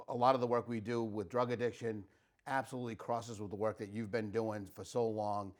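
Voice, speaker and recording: A man's voice: lowish voice, flat delivery, fairly quick, darkish tone. A man hosting a local community talk show, chatty and rambling, with frequent fillers and restarts. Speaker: host. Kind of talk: casual interview.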